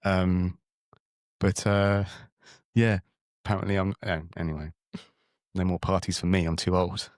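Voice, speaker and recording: Low-voiced man, podcast co-host. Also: level tone, measured pace, no echo, clean studio sound. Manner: self-mocking, playful banter. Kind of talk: casual chat.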